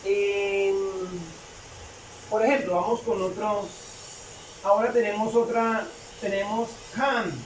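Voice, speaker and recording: A woman explaining a grammar rule to a class, halting often with fillers and repeating her phrases. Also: mid-range voice, fairly even intonation. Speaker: English teacher. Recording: echoey room, distant mic, faint noise.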